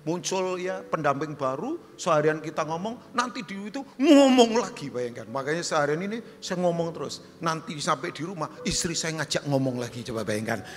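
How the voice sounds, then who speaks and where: A male pastor preaching a sermon, animated and humorous, jumping high for questions and quoted voices and dropping low and soft for appeals. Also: normal speed, hardly any pauses. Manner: humorous storytelling with asides to the congregation. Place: large church hall. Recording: long hall reverb.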